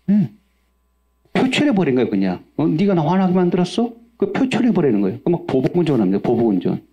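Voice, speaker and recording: Husky-voiced male pastor preaching. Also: medium pitch. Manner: animated preaching, acts out angry outbursts in a raised voice; asks the congregation questions and answers them himself. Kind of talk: sermon.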